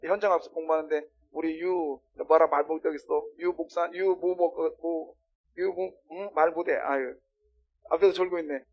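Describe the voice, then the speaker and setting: A male pastor preaching a sermon, swinging between loud exclamations and quiet asides while questioning the congregation. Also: a little high, fairly even intonation, moderate pace, dull audio.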